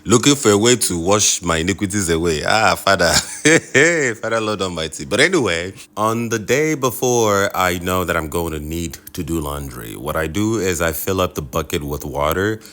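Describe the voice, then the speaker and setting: A man with a very deep, bright voice chats to his viewers like a travel vlogger. His delivery is colloquial and animated, often checking in with the listener. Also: moderate pace, hardly any pauses. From Nigeria. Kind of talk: casual vlog talk to viewers.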